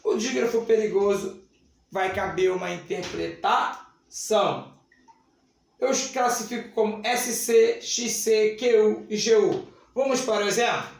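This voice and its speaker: A man's voice: high-pitched, measured pace, creaky. A Brazilian man teaching Portuguese grammar at a whiteboard, stretching key words and checking in with the class. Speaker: Portuguese teacher for civil service exams. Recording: very echoey room.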